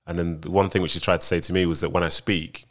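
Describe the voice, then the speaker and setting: A man's voice: sits low, little pitch movement, fast talker, fairly bright tone. A young man, a retired footballer now in broadcasting, answering interview questions in a laid-back, rambling way.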